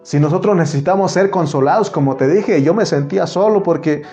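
A man's voice: a little high, a little fast, dark tone. A man from Mexico preaching a sermon, earnest and personal, raising his voice when he quotes others. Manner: earnest, personal anecdotes, rising voice for quoted speech. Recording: muffled recording with faint instrument music.

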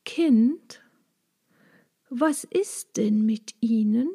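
Woman doing a female dragonfly, storybook villain, soft and slow, condescending, half whispered. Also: fairly high pitch, heavily acted. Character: huge female dragonfly, cold and condescending predator.

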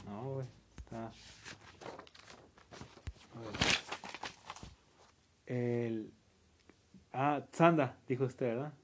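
A man's voice: medium pitch, fairly even intonation, drawn-out words, pauses often, background noise. A man casually asking for words in another language and repeating each one back, with a questioning manner. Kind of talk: casual word elicitation.

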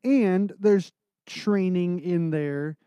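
A man with a nasal voice co-hosting a casual podcast, talking animatedly and swinging his pitch up and down. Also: extremely slow, mellow, smooth, no room sound, clean studio sound. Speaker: podcast co-host and pastor.

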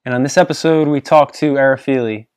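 A man hosts a casual podcast interview in a dry, close-sounding recording. He is upbeat and loose, stumbling into restarts, and his pitch sits in the middle of the usual range. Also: fast, darkish tone, clean tone, no room sound. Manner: upbeat, with restarts and false starts. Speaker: podcast host.

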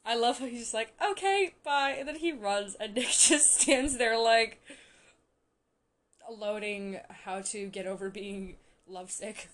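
Gushing, excitable young woman. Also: mid-range voice, slow. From Canada. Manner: gushing, excitable, heavy use of filler words. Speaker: vlogger reacting to a TV series. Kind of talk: casual reaction commentary.

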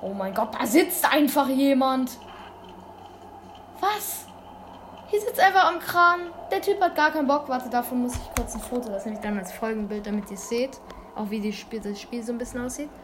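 A woman giving casual gameplay commentary, excitable and full of youthful slang, breaking into sudden loud exclamations. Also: on the high side, a little fast. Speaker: let's play gamer. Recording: constant background noise.

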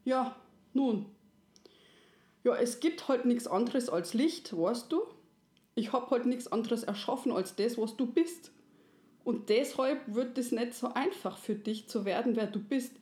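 A woman's voice: fairly high pitch, measured pace, a little mellow, voice pushed up, natural voice. A woman voicing a kindly, wise creator woman, soothing and folksy. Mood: gentle. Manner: soothing, folksy, fond of dialect fillers. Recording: roomy echo.

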